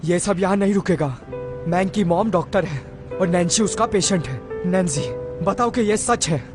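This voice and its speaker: A man's voice: high-pitched, moderate pace, close to an everyday voice. A man dubbing a mean, mocking teenage schoolboy in a TV drama, speaking in a taunting way. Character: sneering mean teen schoolboy. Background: background music.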